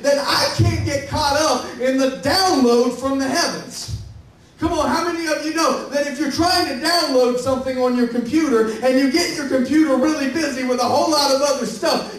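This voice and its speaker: A male pastor with a very high-pitched voice preaches, pushing his points with rising emphasis and calling out to the congregation. He sounds far from the mic, in a big echoing church hall with a faint hiss behind him. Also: fairly bright tone. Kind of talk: sermon.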